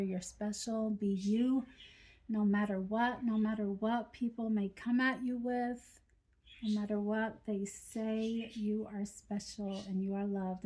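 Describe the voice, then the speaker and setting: A woman talks slowly to her viewers, carefully over-pronouncing every word. Her voice is mellow and soft, and her pitch stays quite flat. She sounds earnest and encouraging. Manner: slow, deliberate, over-pronounced words. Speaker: doll collector vlogger. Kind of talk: heartfelt talk to camera.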